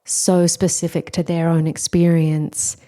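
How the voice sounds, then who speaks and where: A woman hosting a podcast interview, asking questions in a thoughtful, gently phrased way. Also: on the low side, level tone, unhurried. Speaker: podcast host.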